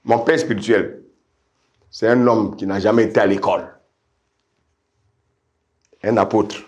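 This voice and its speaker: A middle-aged man preaching a sermon with passion, repeating phrases, dropping to low asides and climbing to high shouted refrains while calling out to his congregation. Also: steady tone, measured pace. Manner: addresses the congregation directly with call-and-response.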